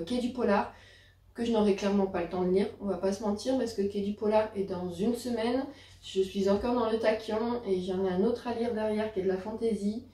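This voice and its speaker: A woman's voice: a little high, mellow. A woman chatting casually about her new books, with many fillers and self-corrections. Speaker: book vlogger. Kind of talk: casual book haul chat. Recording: roomy, a bit distant from the mic.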